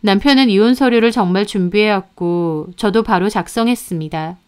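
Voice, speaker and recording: A woman narrating a first-person story in a calm, even way. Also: mid-range voice, moderate pace, clear, resonant tone.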